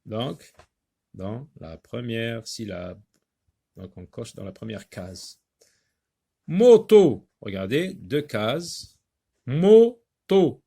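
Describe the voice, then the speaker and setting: Man, teacher, children's reading lesson, very slow pace, patient repetition, hesitant fillers. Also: lowish voice, expressive, gravelly, slightly rough. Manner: slow, patient, repeats words and syllables for learners; frequent hesitations with drawn-out fillers.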